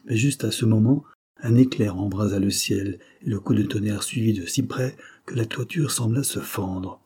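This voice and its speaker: A man narrating a classic French novel as an audiobook, in a measured, descriptive reading. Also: lowish voice, mellow, slightly rough. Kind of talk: scripted literary narration.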